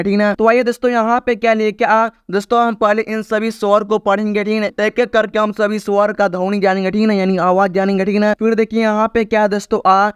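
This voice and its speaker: A man's voice: high voice, clean tone, dry recording, clean studio sound. A man teaching a video lesson to viewers he calls friends, repeating "okay?" often and stretching vowel sounds to demonstrate them. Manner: repetitive, keeps asking "ठीक है ना?". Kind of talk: classroom-style video lesson.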